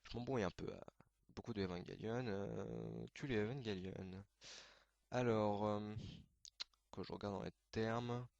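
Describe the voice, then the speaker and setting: A man hosting a casual anime video, explaining terms in a hesitant way, full of fillers and quick self-corrections. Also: fairly low pitch, creaky, a little mellow, dry recording, highs cut off.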